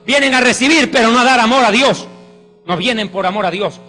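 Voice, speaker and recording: A man's voice: very high-pitched, a little fast, pushed and bright. A man preaching a sermon with fervent, exclamatory emphasis. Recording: reverberant hall with faint music.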